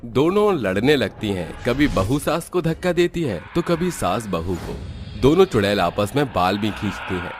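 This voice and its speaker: A man giving scripted storybook narration for a cartoon in a steady storytelling manner. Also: medium pitch, moderate pace. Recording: soft music behind.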